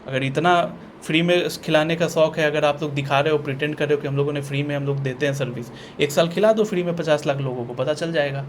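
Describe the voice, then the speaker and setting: A man's voice: on the high side, steady tone, fast, few pauses, slight background noise. A man talking in a blunt, sarcastic ranting style, often repeating himself and restarting sentences, as a vlogger. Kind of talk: ranting opinion vlog.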